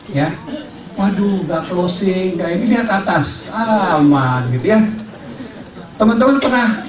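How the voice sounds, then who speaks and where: A man giving a jokey motivational training talk to salespeople, asking the audience questions and acting out little scenes. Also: high voice. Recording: echoey room, voice from far off.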